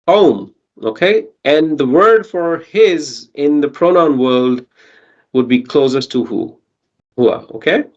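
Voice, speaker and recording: A man's voice: on the high side, highs cut off. A man teaching a Quranic Arabic grammar lesson online, patiently asking his students questions and checking in with them.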